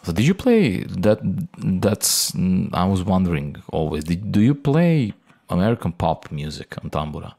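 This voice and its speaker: Deep gravelly man hosting an interview. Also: big pitch swings, a little mellow. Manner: curious, halting questions. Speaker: podcast host. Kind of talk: casual interview.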